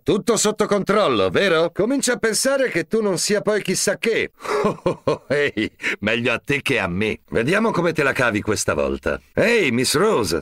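A middle-aged hard-boiled cop with a gravelly rasp and lively, swinging delivery, spitting tough-guy quips. Dry studio sound, no room at all. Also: a little high, dry recording, full character voice. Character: hard-boiled, crooked, foul-mouthed male cop. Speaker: game character voice lines. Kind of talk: Italian game dub.

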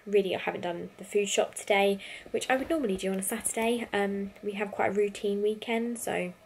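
A woman's voice: mid-range voice, steady tone, a little fast, vocal fry, slight background noise. A young British woman vlogging from her bedroom, chatting candidly and rambling a little into a handheld camera. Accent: British English. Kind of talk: casual chatty vlog. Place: bedroom at home. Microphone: handheld compact camera.

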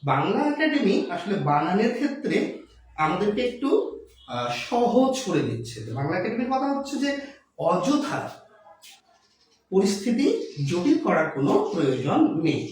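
A Bengali language teacher giving a slow lesson on pronunciation rules, repeating each word and example. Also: medium pitch, very animated, darkish tone, slight background noise. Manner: explains slowly, repeats words and examples. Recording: echoey room recorded from far off.

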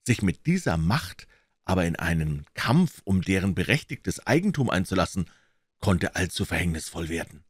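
Deep-voiced man reading a classic novel. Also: normal speed, breathy edge, dry recording, clean studio sound. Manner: expressive, dramatic storytelling. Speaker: audiobook reader. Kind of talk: scripted narration of a classic novel.

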